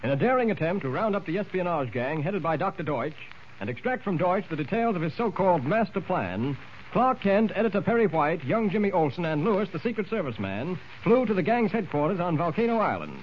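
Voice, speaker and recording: A man's voice: high voice, big pitch swings, fairly quick. Man, old radio show narrator, dramatic storytelling, dull lo-fi sound, faint hiss. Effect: old-time radio broadcast sound. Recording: muffled old 1940s radio recording with hiss.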